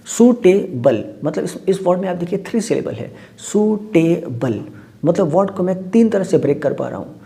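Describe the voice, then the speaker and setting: A man's voice: on the high side, vocal fry, mellow. A man teaching English grammar in Hindi, spelling words out letter by letter and saying "okay" after nearly every phrase. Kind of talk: explaining lesson in Hindi with English terms.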